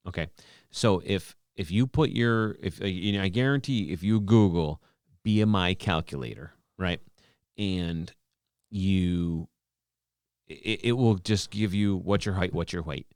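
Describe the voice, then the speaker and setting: A man's voice: low-pitched, unhurried, a little mellow, clear, resonant tone, no echo, clean studio sound. A man in his forties co-hosting a podcast, chatting casually and explaining at length with many restarts. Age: 40s. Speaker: podcast co-host. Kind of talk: casual chat.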